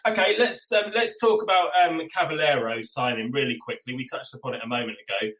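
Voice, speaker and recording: Man, podcast host, bright tone, blunt and chatty, drops the odd swear. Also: medium pitch, fairly quick, a little hiss or hum, rough recording. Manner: blunt, swears casually, steers the discussion with questions. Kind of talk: casual fan podcast chat.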